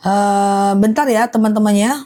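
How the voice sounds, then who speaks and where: A woman's voice: mid-range voice, level tone, normal speed, warm tone. A young woman selling on a live stream, chatting casually, answering viewer comments and repeating herself over and over.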